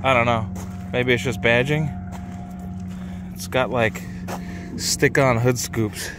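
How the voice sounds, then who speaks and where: A man in his thirties vlogging casually while walking through an outdoor car lot, excited and chatty, filmed on a handheld camera at arm's length. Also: mid-range voice, takes it slowly, noisy background. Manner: excited, chatty, laughs often. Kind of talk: casual vlog walkthrough. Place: outdoor impound parking lot.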